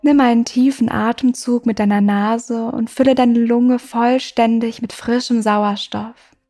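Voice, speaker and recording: A woman hosting a meditation podcast, guiding the listener in a soft, slow, soothing way with long pauses. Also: fairly high pitch, steady tone. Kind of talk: guided meditation. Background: music.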